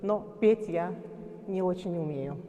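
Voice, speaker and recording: A woman guiding viewers on a tour from inside a huge underground stone cistern, with a booming cavern echo around her voice. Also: measured pace, warm tone. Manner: addresses viewers as friends. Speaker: tour guide. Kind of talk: guided tour narration. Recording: long echoing reverb of a big stone cistern.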